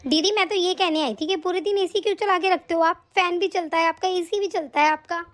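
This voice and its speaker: Woman doing a sarcastic nagging bhabhi in a cartoon, super high voice, always griping. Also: a little fast, fairly bright tone. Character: scolding sister-in-law, sharp-tongued, grudging housewife. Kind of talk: animated story voice acting.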